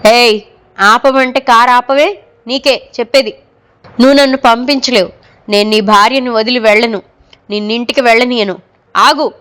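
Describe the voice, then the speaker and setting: A woman's voice: mid-range voice, steady tone, unhurried, pauses often, a bit bright, clear, resonant tone, close to an everyday voice. A woman voicing a mocking female ghost who has possessed a man's wife, speaking in a cackling, menacing manner in an audio story.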